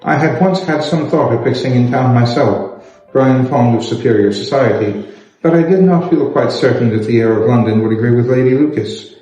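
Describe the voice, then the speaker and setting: A man voicing an effusive, flattering older gentleman in a formal storybook reading. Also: medium pitch, brisk, faint music behind, close to an everyday voice. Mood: effusive flattery. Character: gushing, courtly older English gentleman. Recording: echoey room, slightly dull sound.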